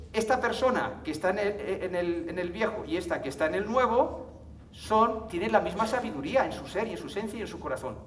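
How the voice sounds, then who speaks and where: This male conference speaker has a high-pitched, fairly bright voice and talks to a live audience in a chatty way, laughing and checking in with tag questions. There's a little hiss or hum, and the distant mic captures an echoey hall.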